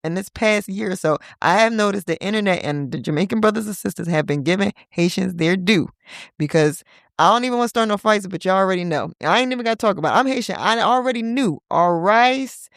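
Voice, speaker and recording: Woman, 30s, podcast host, casual storytelling, teasing, gravelly fry, dry close sound. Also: brisk, no echo. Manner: playful, chatty storyteller with teasing asides and sudden high-pitched exclamations. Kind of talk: casual solo podcast chat.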